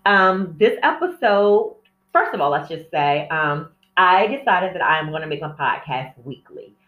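A woman's voice: low voice, sing-song, measured pace, soft background music. A woman hosting a casual, candid solo podcast, rambling and easily sidetracked, heard from a distance on a phone microphone. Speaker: podcast host. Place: indoor room with plants. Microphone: cell phone set away from her, distant. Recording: echoey room, distant phone mic, dull sound.

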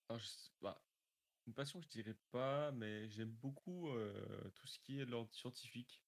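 Hesitant young man with a low voice. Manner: hesitant, many fillers, thinks aloud. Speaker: guest, sound engineer. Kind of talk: casual interview answers.

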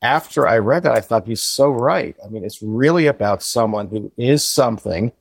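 A man's voice: fairly low pitch, brisk, vocal fry, husky, no echo. A man chatting as a guest on a podcast, eagerly sharing film trivia. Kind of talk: casual podcast chat.

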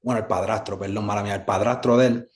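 Puerto rican musician guy, lowish voice, rambly and easygoing, lots of fillers. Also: fairly even intonation, fast. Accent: Puerto Rican Spanish. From Puerto Rico. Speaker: musician guest. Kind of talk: casual interview.

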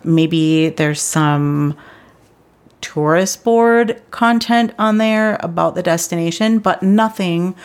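Earnest, lower-pitched woman podcaster. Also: takes it slowly, smooth. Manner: earnest and animated, gets intense then reins herself in. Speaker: podcast host and travel agent coach. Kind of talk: casual solo podcast talk.

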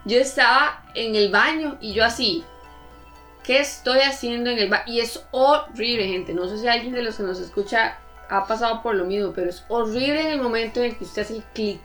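A woman with a Costa Rican Spanish accent, co-hosting a podcast and telling stories in a lively, animated way. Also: on the high side, a little fast, hardly any pauses, faint music behind. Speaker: podcast co-host. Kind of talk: casual chat.

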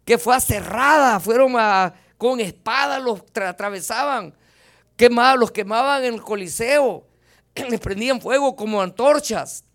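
A man preaching a fervent evangelical sermon with personal testimony, swinging between loud declarations and soft asides and often addressing his listeners as brothers. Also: very high voice, measured pace. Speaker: lay preacher.

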